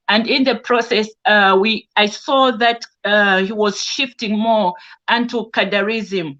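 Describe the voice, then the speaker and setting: A woman's voice: fairly high pitch, fairly bright tone. A woman from Zambia living in the UK, speaking earnestly on an online call, with many restarts and fillers. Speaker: caller on an online discussion. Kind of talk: casual spoken testimony. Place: home, in the UK. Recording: dull lo-fi video call audio.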